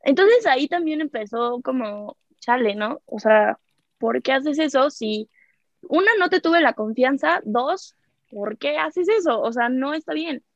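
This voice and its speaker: A woman's voice: high-pitched, expressive, unhurried, no room sound. Candid Mexican young woman, muffled dry sound. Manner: candid, rambling with many fillers. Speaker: podcast guest. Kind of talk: personal storytelling in casual chat.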